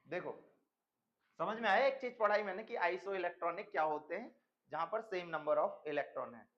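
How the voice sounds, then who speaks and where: A man's voice: sits high, moderate pace, dull audio. A man teaching a chemistry class in a stern lecturing manner, mixing English terms into his speech. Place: coaching classroom.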